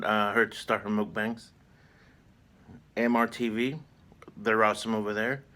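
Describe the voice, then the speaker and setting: Male mukbang host, lowish voice, laid-back chat between bites, easy halting shout-outs.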